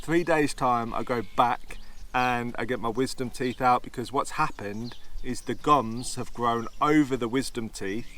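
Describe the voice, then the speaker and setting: A man's voice: medium pitch, a little slow, a bit bright. A man talking casually to camera with a slurred lisp and slushy s, his sore mouth making speech hard. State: mouth in pain, struggling to talk. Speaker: vlog host.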